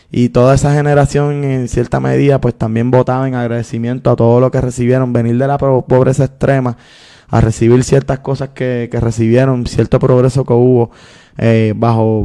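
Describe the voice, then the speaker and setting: In long, unhurried stretches full of fillers, a Puerto Rican man in his thirties earnestly tells his story as an interview guest. An activist and filmmaker, he speaks in a medium-pitched voice that is gravelly, dark and mellow.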